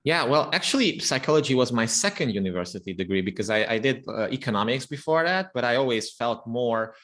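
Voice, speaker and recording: A man's voice: mid-range voice, animated, a little fast, a bit bright. A man from Romania whose first language is Hungarian, a copywriter guest on a podcast interview, who speaks thoughtfully and restarts his phrases often.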